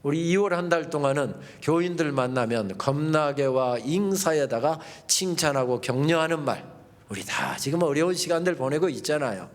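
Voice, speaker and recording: High-voiced man preaching in a reverberant hall. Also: moderate pace. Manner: lively preaching with playful dialect quotes. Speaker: pastor. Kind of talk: revival sermon.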